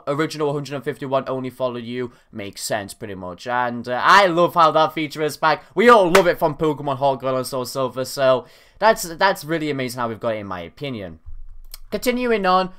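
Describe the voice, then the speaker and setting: A young man giving casual, excited reaction commentary on game news, his voice cracking now and then. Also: on the high side, clean tone. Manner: excitable, animated, frequent self-corrections. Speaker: gaming YouTuber.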